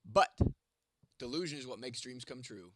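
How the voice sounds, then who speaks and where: A man's voice: mid-range voice, lively intonation, normal speed, noisy background. A young man hosting a casual livestream, rambling and swearing as he answers chat comments by name, with a sore throat and a cough. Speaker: livestream host reading chat.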